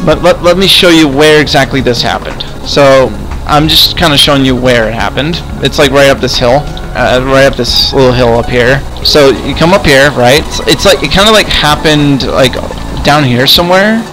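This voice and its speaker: A man with a mid-range, fairly bright, everyday-sounding voice speaks at a moderate pace over faint music, on poor audio. As a roleplay video host and player, he plays a friendly adventurer in an improvised Minecraft roleplay, curious and explaining, hesitant and stammering, often repeating himself.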